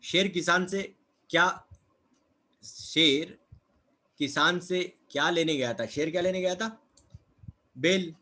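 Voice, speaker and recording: Questioning male teacher, fairly high voice. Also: slow, long pauses, pushed and bright. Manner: asks questions then answers them, repeats words with "है ना" and "ठीक है". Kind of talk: explaining a textbook lesson.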